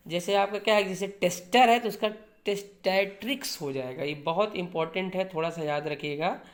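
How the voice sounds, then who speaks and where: Male grammar teacher repeating key points. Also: high-pitched. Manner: keeps asking rhetorical questions and answering them himself; keeps checking in with "है ना" and "ठीक है ना". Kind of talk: classroom-style grammar lecture.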